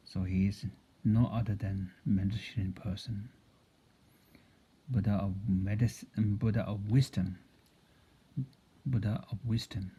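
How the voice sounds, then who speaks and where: A man, a Buddhist teacher who chants mantras slowly and gives a soft-spoken talk. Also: on the low side, fairly even intonation, slightly rough. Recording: dull lo-fi sound.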